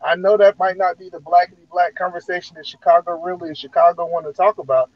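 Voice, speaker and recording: A man with a fairly high voice chats in a loose, joking, rambling way on a livestream panel. His sound is muffled and dull, as if he were talking through a wall. A poor call mic gives the recording a lo-fi feel. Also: fairly even intonation, fast talker, dry recording. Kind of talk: casual panel debate. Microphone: poor microphone on a video call.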